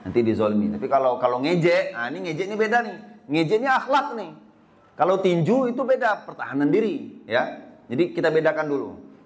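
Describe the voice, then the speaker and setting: A man's voice: a little high, slight background noise. A man from Indonesia, giving a religious lecture to parents in a casual, conversational way and acting out little dialogues with children. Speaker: ustadz giving a regular study lecture.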